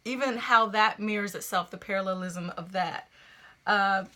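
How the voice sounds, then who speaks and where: A woman gives a relaxed, unscripted poetry lesson with a bright, clear edge to her voice. She talks in a lively way, jumping up in pitch when something excites her and restarting phrases as she thinks aloud. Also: normal speed. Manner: animated, conversational, with frequent restarts. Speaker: poetry teacher. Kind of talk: casual spoken lecture on poetry.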